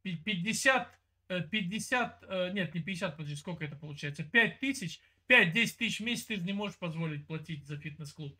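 A man's voice: sits high, lively intonation, a little fast, bright, forceful tone. A man in his fifties from Siberia, lecturing insistently on a video call from a room at home. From Siberia, Russia. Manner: lecturing, insistent, talks over the other. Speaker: chat roulette streamer. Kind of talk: heated video chat argument. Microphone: webcam video call.

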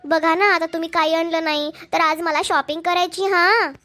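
A woman's voice: very high-pitched, steady tone, moderate pace, bright, forceful tone. A woman voicing a sweet-talking young girlfriend who coaxes her lover into shopping, with a Marathwada Marathi accent. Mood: coaxing. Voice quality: coaxing, wheedling.

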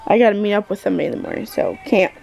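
A woman's voice: mid-range voice, very animated, rapid-fire, vocal fry, mellow. A young woman filming a casual daily vlog, teasing and bickering playfully with her sister. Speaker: vlogger. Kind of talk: casual chat.

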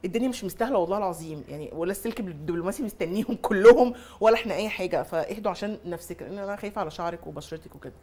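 A woman's voice: on the low side, very fast, few pauses. A woman with an Egyptian Arabic accent, a mother and influencer on a talk show, chatting comically and mimicking other mothers. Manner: animated storyteller, mimics other mothers, laughs often. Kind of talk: comic casual chat.

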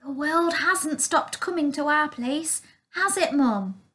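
A woman voicing an adventurous, excited young boy as she reads a picture book aloud. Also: high-pitched, slow, pitched above the performer's own voice, exaggerated voice. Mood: eager. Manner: eager, exclaiming.

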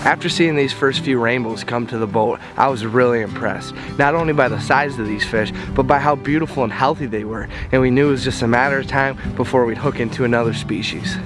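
A young man hosting a fishing vlog from a small boat outdoors, talking excitedly to viewers. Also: medium pitch, fairly quick, hardly any pauses, loud music behind the voice. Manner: excitable, shouts and laughs when a fish bites. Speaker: fishing channel host. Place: small boat on a river below a dam, outdoors.

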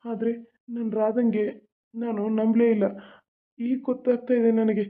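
Someone voicing a grieving cartoon husband. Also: male voice, very high voice, flat delivery, measured pace. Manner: emotional, pleading. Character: grieving young husband searching for his lost child. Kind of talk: cartoon voice acting. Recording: tinny, phone-like sound.

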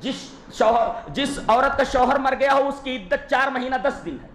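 A male Islamic scholar lectures with emphasis, posing questions and answering them himself. His voice sits fairly high and swings widely in pitch. The recording carries a roomy echo and a faint hum behind him. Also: expressive, moderate pace, a bit bright. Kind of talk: religious lecture on family law.

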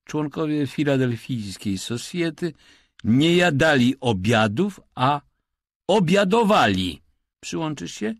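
A man doing a drawling upper-class gentleman. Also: a little high, sing-song, slow pace, dry recording, studio quality, voice pushed up, exaggerated voice. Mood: languid. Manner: drawling, affected.

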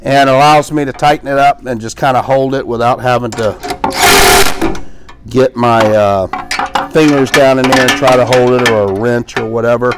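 Heavy background noise surrounds a middle-aged pressure washing instructor as he demonstrates equipment in a small indoor workshop full of tool shelves. His mid-range voice keeps a fairly even intonation and moderate pace, and he talks casually, with fillers and restarts, while working.

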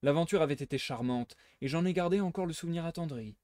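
A man voicing a suave, teasing gentleman thief while reading a novel aloud. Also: a little high, fast, dry recording, pitched above the performer's own voice, close to an everyday voice. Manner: playful, teasing, smugly theatrical.

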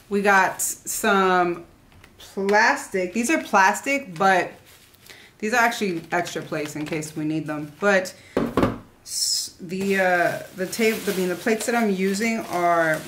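Indoors in her living room, a young woman shows off a shopping haul for her vlog, talking loosely and drifting off before finishing thoughts. She speaks at medium pitch with a fairly bright tone over slight background noise.

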